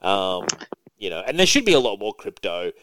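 A man talking casually about comic books on a podcast, and his voice swings up and down in a lively way. He uses lots of fillers and swears casually. The sound is close and completely dry. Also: on the low side, normal speed, no room sound. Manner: animated, swears, many fillers and laughs. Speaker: podcast host.

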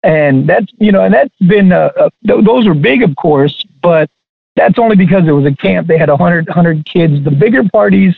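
Male guest, gravelly voice, halting delivery, tinny dry phone line. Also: high-pitched, animated, no room sound. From Texas. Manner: halting, many restarts. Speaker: guest chef. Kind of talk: casual interview talk.

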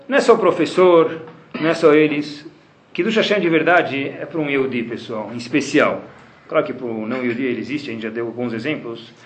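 A man with a Brazilian Portuguese accent, teaching a religious class as a lively storyteller who keeps addressing his listeners with rhetorical questions. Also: mid-range voice. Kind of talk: lecture to a class. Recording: roomy, with faint background noise.

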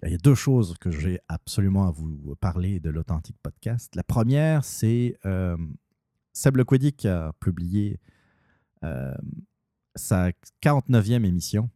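A man with a Québécois French accent talks loosely into his podcast mic, wandering through thoughts with lots of hesitations and restarts. His voice is low-pitched and very dark, and the sound is dry and close. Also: animated, unhurried, no room sound. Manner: rambling, many fillers and restarts. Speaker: podcast host. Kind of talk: casual solo podcast talk.

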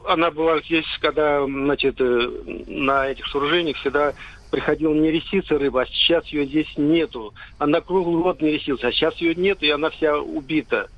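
A man's voice: on the high side, brisk. A man phoning in to a radio show, worried and stumbling over his words with restarts. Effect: caller heard over a phone line into the studio. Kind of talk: phoning in a complaint on air. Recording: dull, muffled phone-line sound.

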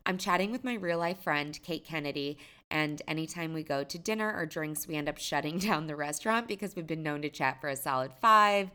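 A woman's voice: sits low, fairly quick, pushed and bright, clean tone. A woman hosting a podcast in a friendly, chatty way, speaking casually to her listeners. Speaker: podcast host. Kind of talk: casual podcast introduction and chat.

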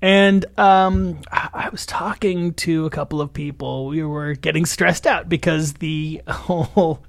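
A man co-hosting a podcast in casual chat, telling rambling, animated stories and laughing often. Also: fairly high pitch, a little slow, vocal fry, no echo. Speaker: podcast co-host.

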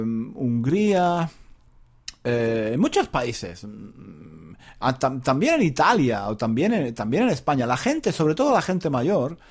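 A man's voice: mid-range voice, darkish tone. A man from Spain hosting a podcast alone, in a rambling, self-correcting casual monologue full of rhetorical tags and restarts. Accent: Spain Spanish. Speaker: podcast host.

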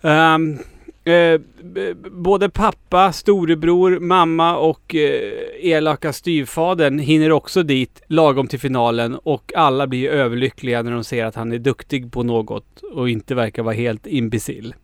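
A man co-hosting a podcast, chatting casually and excitably about a film, with frequent stumbling restarts. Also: fairly high pitch, clear, resonant tone, dry recording, studio quality. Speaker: podcast co-host.

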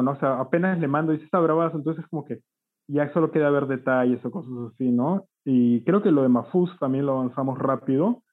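A man talks casually about his mixing work, slangy and relaxed, often tagging his sentences with a question. His voice comes through a thin, narrow phone-like line at a middling pitch. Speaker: mixing engineer. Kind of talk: casual recollection.

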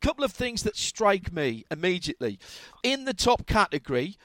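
A man's voice: high-pitched, big pitch swings, moderate pace, a bit bright, no room sound. A man hosting a motorsport interview, asking long questions in an enthusiastic, conversational way. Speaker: podcast host interviewer.

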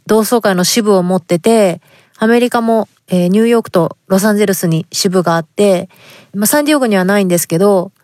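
A woman's voice: medium pitch, darkish tone, dry recording. Chatty woman podcast host, dry sound. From Fukuoka, Japan. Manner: polite and chatty, with frequent fillers. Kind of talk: casual podcast talk reading listener letters.

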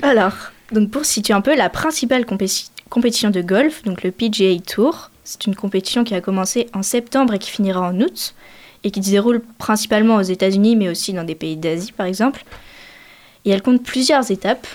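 A woman's voice: mid-range voice, fairly quick. Female quiz host, casual, gives hints, laughs easily. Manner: asks questions, gives hints, laughs often. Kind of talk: casual sports quiz chat.

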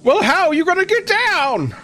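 A woman's voice: extremely high pitch, very animated, moderate pace, a bit bright. A woman taking part in a casual amateur group script reading.

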